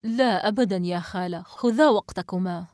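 A woman's voice: mid-range voice, normal speed, a little mellow, dry recording, studio quality, close to an everyday voice. A woman reading a novel aloud, voicing a polite, slightly hesitant male driver.

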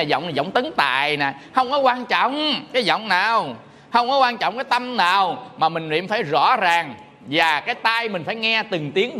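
A man's voice: high-pitched, sharp tone. A man, a Buddhist monk giving an informal, joking dharma talk and chanting short phrases to show what he means.

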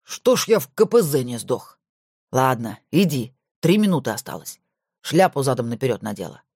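A woman reading a grumpy, nervous middle-aged male boss in an audiobook, grumbling low. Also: sing-song, moderate pace, darkish tone, breathy edge, dry recording, studio quality, exaggerated voice.

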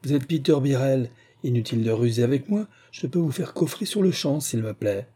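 A man's voice: medium pitch, lively intonation, fairly quick, dark tone, husky, pitched above the performer's own voice. A man doing a stern, commanding detective. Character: stern, confident male detective.

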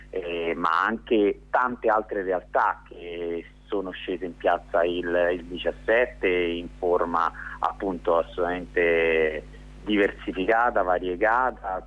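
Give me a deep-voiced man heard over a landline phone, talking haltingly with many fillers on a dull line. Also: slightly rough. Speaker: phone-in guest, activist spokesperson. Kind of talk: radio phone interview.

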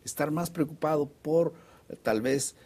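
A man's voice: on the high side, a little slow, a little mellow. A man leading a Bible study discussion, reading verses aloud and steering the talk to the next point. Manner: guiding, reads scripture aloud, moves the talk on. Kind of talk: casual religious discussion.

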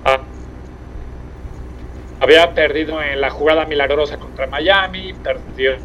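Un hombre con acento mexicano comenta deportes desde su coche por un teléfono móvil de línea crujiente y entrecortada, hablando pausado y con muchas muletillas. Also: male voice, on the high side, fairly bright tone. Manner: measured, hesitant with many fillers. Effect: choppy, crackly mobile phone line. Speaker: sports commentator. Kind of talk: sports discussion chat. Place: in a moving car. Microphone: mobile phone. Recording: lo-fi breaking phone line, faint noise.

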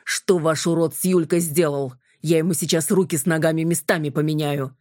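A woman reading an audiobook, voicing a gruff young man who threatens those who hurt his friend. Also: low voice, fairly even intonation, a little fast, darkish tone, dry recording, studio quality, lightly acted.

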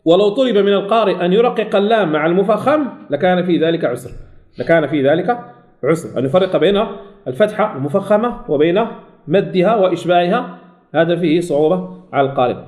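A man teaching recitation rules, repeating each point and slowly demonstrating the sounds. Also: sits high, lively intonation, darkish tone, echoey room. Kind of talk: tajweed lesson.

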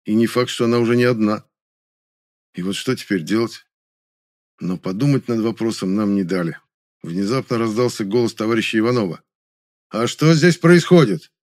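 A man reading a first-person story as an audiobook narrator, in an even, dry manner. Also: on the low side, fairly quick, long pauses.

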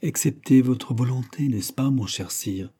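Man reading as a young noblewoman, passionate, pleading, dark husky voice, audiobook. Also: medium pitch, unhurried. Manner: impassioned, pleading.

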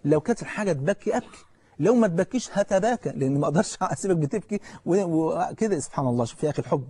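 A man with an Egyptian accent preaches at a rapid clip, his voice husky and mellow. He tells stories with animation and keeps asking his listeners questions, then slows down to recite scripture solemnly. The sound is close and dry. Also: sits high, animated, no room sound. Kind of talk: colloquial religious lecture.

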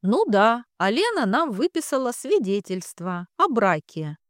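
A woman reading the part of a hoarse, evasive young groom who answers hesitantly. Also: a little high, big pitch swings, unhurried, no echo, clean studio sound. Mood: sheepish. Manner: hesitant, mumbling.

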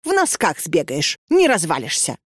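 Grouchy old dorm watchwoman in an audiobook, scolds slow and low, read by a woman. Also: wildly swooping pitch, slightly rough, no echo, studio quality, full character voice. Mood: grumbling.

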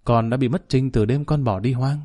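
A man voicing a cold, blunt middle-aged mother who speaks in a flat, even, dry delivery. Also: mid-range voice, moderate pace, lightly acted. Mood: cold steady.

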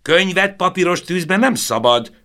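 A man voicing a stubborn official who loudly pleads to save the papers. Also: high voice, expressive, pitched above the performer's own voice, exaggerated voice. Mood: indignant. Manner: indignant, shouting.

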